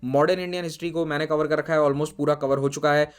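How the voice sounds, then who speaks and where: A man teaching an exam-prep lesson, giving brisk, firm advice to students and mixing in English phrases. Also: fairly high pitch, steady tone, clear, resonant tone. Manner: brisk, direct, mixes Hindi with English phrases; addresses students informally, reassuring and firm.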